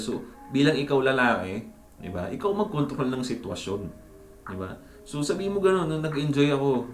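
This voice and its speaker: A man talking casually as a dating-advice vlogger, chatty and mixing English into his speech, often ending lines with tag questions and calling the listener buddy. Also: mid-range voice. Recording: roomy echo with faint background music.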